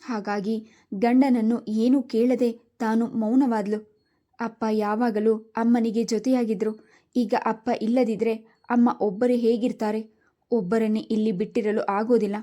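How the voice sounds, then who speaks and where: A woman slowly narrating an emotional family story in a measured way. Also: fairly high pitch, flat delivery, mellow.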